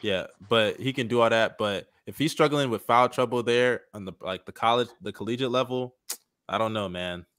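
A man's voice: medium pitch, normal speed, fairly bright tone, smooth, no room sound, studio quality. A man hosting a casual podcast stream, talking in slangy frat-guy banter full of bros. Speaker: podcast host. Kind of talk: casual chat on a sports and anime stream.

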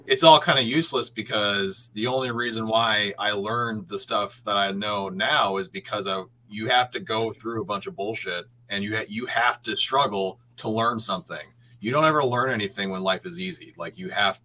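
A man's voice: on the low side, bright, forceful tone, poor audio. A man, a printmaker, talking as a podcast guest, thinking aloud with many restarts. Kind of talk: casual podcast conversation.

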